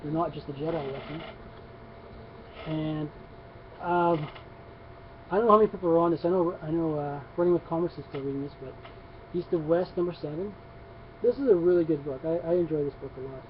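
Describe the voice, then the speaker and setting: A man's voice: fairly high pitch, brisk, long pauses. A man talking casually on camera about his comic book pickups, rambling with many restarts and fillers. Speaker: comics vlogger. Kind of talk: casual comic haul video. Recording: dull lo-fi sound with faint noise.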